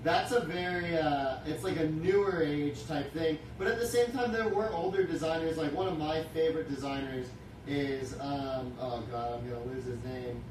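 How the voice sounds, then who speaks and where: A man's voice: a little high, normal speed. A man co-hosting an interview show, chatting casually and often groping for words. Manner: hesitant, groping for words, enthusiastic. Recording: very echoey room, distant mic, noisy.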